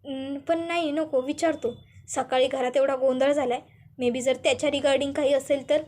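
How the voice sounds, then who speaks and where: A woman voicing a gentle young husband who jokes and coaxes while second-guessing himself. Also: high-pitched, steady tone, moderate pace, natural voice. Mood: hesitant.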